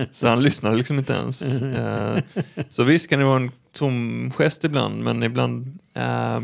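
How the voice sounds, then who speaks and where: A man's voice: medium pitch, fairly even intonation, gravelly. A man who works as an assistant nurse, talking chattily with plenty of fillers in a casual conversation. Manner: chatty storyteller, hesitant fillers.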